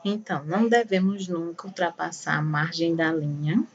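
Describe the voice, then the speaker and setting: A woman's voice: lowish voice, fairly even intonation, normal speed, lo-fi sound. A woman teacher giving a patient primary school lesson, walking through examples one by one. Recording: voice a bit far from the mic, faint room noise.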